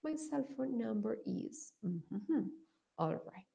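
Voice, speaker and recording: Woman, English teacher, thirties, gravelly, very mellow, measured examples. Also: a little high, sing-song. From Colombia. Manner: switches between English and Spanish, slow modelled example answers. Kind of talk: bilingual online language lesson.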